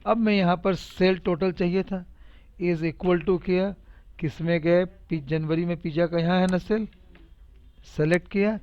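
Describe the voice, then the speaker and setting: A man with a slightly raised voice runs a casual spreadsheet tutorial, repeating each step aloud and cheering his students on with playful teasing. The sound is a little dull and lo-fi. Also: a little high. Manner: chatty, repetitive, teasing and encouraging. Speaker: computer teacher. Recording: dull lo-fi recording.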